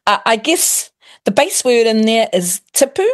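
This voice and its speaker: Speaking on the high side, this guest is a middle-aged primary school teacher with a New Zealand accent. She mixes Māori and English in a relaxed explanatory chat, listing examples one by one, stopping to reword and begin again, calm and warm throughout.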